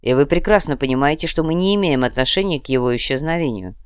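Woman voicing a cool, calm male grand master. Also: low voice, clean tone, no echo, clean studio sound. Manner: measured, softly ironic.

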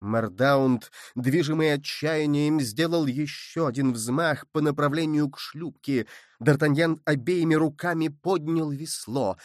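Man, audiobook narrator, measured steady storytelling, dry close sound. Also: a little high, dry recording. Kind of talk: scripted narration.

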